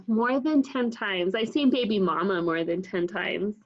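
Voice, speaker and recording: A woman's voice: medium pitch, a little slow. A woman in her twenties co-hosting a podcast, chatting casually and acting out voices as she retells things. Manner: animated, acts out voices when retelling. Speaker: podcast co-host. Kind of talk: casual chat. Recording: muffled lo-fi audio.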